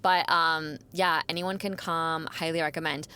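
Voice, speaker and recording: Low-voiced woman interviewer, casual chat. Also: fairly even intonation, a little slow, smooth. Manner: warm, encouraging interviewer with short affirmations. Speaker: interview host.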